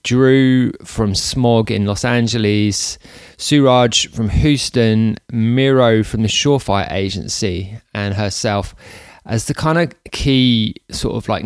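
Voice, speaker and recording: A man hosting a podcast, talking in a relaxed, rambling way with many fillers. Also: lowish voice, clean tone, dry recording, clean studio sound. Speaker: podcast host. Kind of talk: casual podcast chat.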